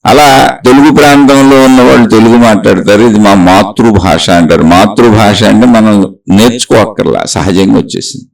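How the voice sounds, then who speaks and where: Gravelly man giving a spiritual talk. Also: on the low side, recorded from a distance, rough recording. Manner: slow, reflective, listing examples. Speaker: spiritual teacher. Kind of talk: spiritual discourse.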